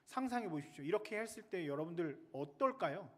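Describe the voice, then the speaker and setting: High-voiced male chaplain, lively sermon, chats with the kids in the pews. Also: quick pace. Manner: lively, chatty, jokes with the children in the pews. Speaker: military chaplain pastor.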